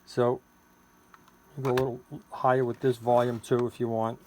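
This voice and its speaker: Selling his homemade radio gadget, a man demonstrates it hands-on in an informal, rambling way. His mid-range voice keeps a level tone at a moderate pace, on a noisy recording with clicks.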